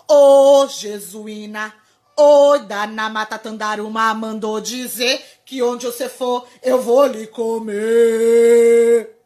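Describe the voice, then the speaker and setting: A giant rolling gourd that has come alive, chanting its threat in a slow, heavy, booming sing-song, as a storyteller puts it on. It drags every word out, loud and menacing, like a storybook monster promising to eat its prey. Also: female voice, steady tone. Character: huge living gourd, menacing singing monster.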